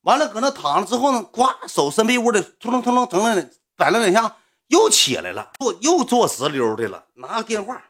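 A man with a Northeastern Chinese accent telling a story casually to a livestream audience, animated and colloquial, swinging between loud and hushed. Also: sits high, brisk, breathy edge. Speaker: livestream host.

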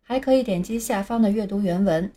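A woman gives a scripted beginner lesson on English sounds. Her voice is mellow and dark rather than bright, and she speaks patiently. She spells each new word letter by letter before saying it slowly. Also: medium pitch. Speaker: English teacher.

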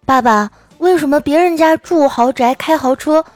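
A woman's voice: high-pitched, moderate pace, faint music behind, voice pushed up, lightly acted. A woman voicing a young schoolgirl who asks her father questions in a timid, pleading way. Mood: questioning.

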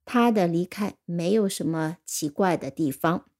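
A woman teaching an English vocabulary lesson, explaining patiently and spelling words out slowly. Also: on the low side, a little mellow.

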